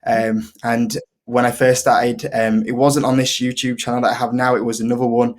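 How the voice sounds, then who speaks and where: A man's voice: medium pitch, flat delivery, moderate pace. A man from northern England with a Yorkshire accent, chatting informally as a guest in a casual interview. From Leeds, Yorkshire, UK. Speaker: investing video creator, guest.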